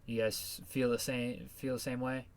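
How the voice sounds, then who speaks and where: A man's voice: mid-range voice, little pitch movement, moderate pace. A man hosting a casual podcast chat, laid-back and hesitant, with many fillers. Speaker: podcast host.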